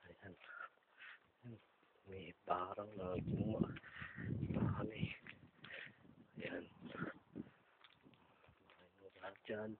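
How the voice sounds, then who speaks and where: A man's voice: low voice, fairly even intonation. A man giving a casual walking tour outdoors, pointing things out and a little out of breath from climbing. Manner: points things out with repeated "ayan", slow and unhurried. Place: outdoors on a hillside property. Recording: tinny lo-fi phone-like audio, loud noise.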